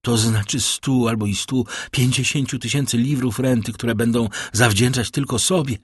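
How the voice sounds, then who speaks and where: A man's voice: mid-range voice, fairly even intonation, moderate pace, slightly rough, close to an everyday voice. A man voicing a proud, scornful young woman who defies her father, in an audiobook reading. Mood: haughty defiance. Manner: cold, haughty, defiant.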